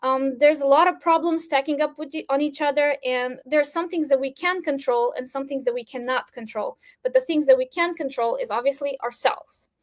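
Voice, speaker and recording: A woman's voice: high-pitched, brisk, hardly any pauses. A woman from Romania giving an earnest presentation over a video call, with fillers and restarts. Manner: earnest, with fillers and restarts, briefly flustered by tech trouble. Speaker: speaker at an online talk. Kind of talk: presentation talk.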